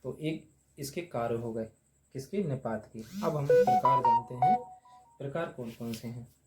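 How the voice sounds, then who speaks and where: A man teaching a grammar lesson, who asks and answers his own questions and repeats each term slowly while writing on the board. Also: mid-range voice, over loud music.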